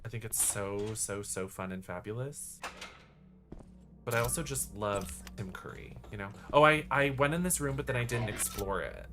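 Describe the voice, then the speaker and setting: With music playing in the background, a streamer talks at a medium pitch and normal speed, chatting casually with viewers during a live game. The commentary comes in a campy, exclamatory manner full of drag slang.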